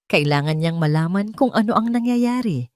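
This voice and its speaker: In studio-quality audio with no room sound, a woman narrates a scripted dramatic story. Her medium-pitched voice is animated and darkish in tone, at a normal speed.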